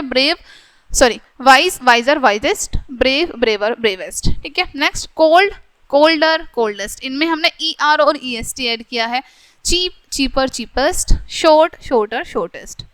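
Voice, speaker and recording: A high-pitched woman teacher works through a grammar lesson, reading each rule slowly before explaining it in plainer words. Her voice is close and dry, with little room sound around it. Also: a bit bright, dry recording. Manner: reads English rules slowly, then explains them in Hindi with frequent "theek hai". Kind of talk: classroom grammar lecture.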